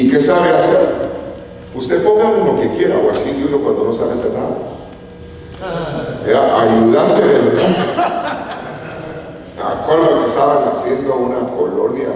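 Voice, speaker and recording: A man's voice: medium pitch, mellow, a little hiss or hum. A man from Guatemala preaching a sermon in a church, telling stories with rising emphasis. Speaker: pastor. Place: church hall. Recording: echoey church hall from far off.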